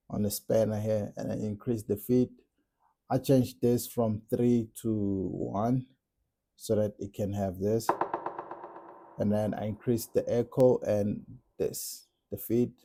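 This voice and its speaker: Gravelly dark-voiced man explaining beats. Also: on the low side, slow. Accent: South African. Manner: relaxed step-by-step explaining. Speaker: music producer tutorial host. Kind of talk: casual production tutorial. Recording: music playing in the background.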